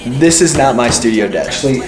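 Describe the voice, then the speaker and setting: A man talks to camera as an informal vlog host, explaining things casually at a medium pitch. His voice rings with strong hallway-like echo from an untreated room, and music plays clearly behind him. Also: animated, brisk. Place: indoors, bare untreated room being made a studio.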